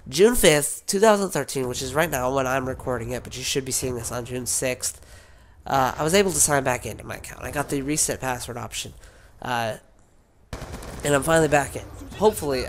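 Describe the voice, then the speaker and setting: A man's voice: mid-range voice, a little hiss or hum. A man with a sick voice, rambling casually as a gaming YouTuber, with many fillers and restarts. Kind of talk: rambling casual vlog talk.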